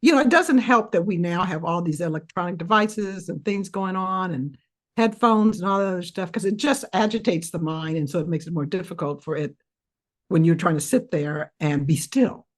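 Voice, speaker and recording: A woman with a fairly low voice, speaking as a podcast guest. She talks reflectively. She often hesitates and circles back before finishing her thought. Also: normal speed. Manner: thoughtful, hesitant, with many fillers. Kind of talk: conversational interview.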